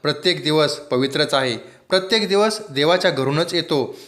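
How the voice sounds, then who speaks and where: A man's voice: a little high, normal speed, fairly bright tone, pitched above the performer's own voice, lightly acted. A fearless, stubborn village landlord waving away every warning, as a male reader puts him on. His lines come firm and a touch raised from a storybook reading. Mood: dismissive.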